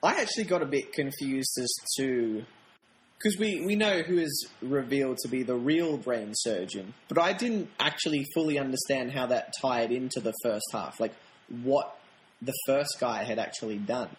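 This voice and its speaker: A man's voice: mid-range voice, animated, normal speed. A man co-hosting a podcast, chatting casually about a TV show in a wry, rambling way with frequent laughs. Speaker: podcast co-host. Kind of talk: casual review chat. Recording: roomy echo, faint noise.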